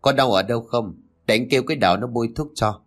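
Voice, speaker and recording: A man's voice: mid-range voice, quick pace, close to an everyday voice. A man voicing the stern husband of a household in a spoken story, curt and commanding. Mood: gentle.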